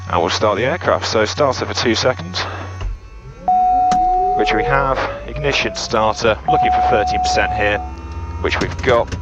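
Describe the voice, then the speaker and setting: Loud music plays behind a fairly low-pitched man speaking at a moderate pace. Presenting as a pilot, he methodically walks through hands-on checks item by item in a small turboprop aircraft cockpit, with muffled audio and clearly audible aircraft noise.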